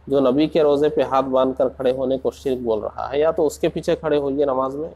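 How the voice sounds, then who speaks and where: A man preaching in a slow, deliberate way, asking rhetorical questions and rising into passionate emphasis. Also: medium pitch, fairly even intonation, mellow. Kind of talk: Urdu sermon.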